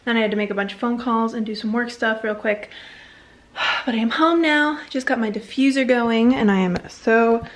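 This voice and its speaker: A woman's voice: a little high, fairly quick. A young woman in her twenties chatting casually to the camera at home, bubbly and rambling. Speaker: vlogger. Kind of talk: casual chat. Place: home, indoors.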